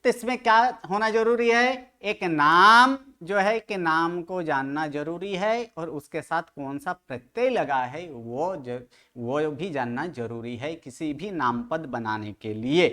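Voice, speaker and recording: Slow, patient male Sanskrit teacher. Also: a little high, lively intonation, bright, forceful tone. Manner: quizzes students with questions, corrects pronunciation. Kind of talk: online study-group lecture.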